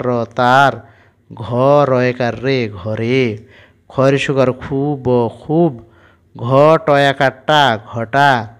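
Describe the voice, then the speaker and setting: A man teaching young children to read, spelling out each word letter by letter in a patient, steady way. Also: mid-range voice, clear, resonant tone. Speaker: primary school teacher. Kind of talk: spelling-out reading lesson for children.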